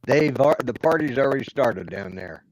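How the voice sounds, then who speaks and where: Oklahoma man, guest, choppy broken-up call audio, halting talk, faint hiss. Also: medium pitch, animated, rough recording. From Oklahoma, USA. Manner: halting, with many fillers. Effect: choppy, cutting-out internet audio. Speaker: guest on an online political talk show. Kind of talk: casual chat. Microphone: home computer mic on a video call.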